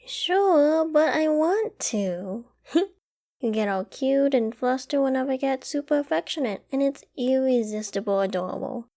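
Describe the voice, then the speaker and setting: In a comforting ASMR roleplay, a woman plays a doting young girlfriend, her fairly high voice very mellow and warm. She speaks tenderly, intimately and a little slowly, expressive as she coos affectionately and playfully teases her partner.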